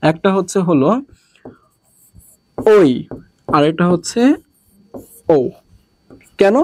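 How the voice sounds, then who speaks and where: Male tutor from Bangladesh, high pitch, dry close sound, repeats questions and answers them himself. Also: a little mellow, no echo. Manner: repetitive, drilling. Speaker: teacher. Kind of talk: classroom lesson.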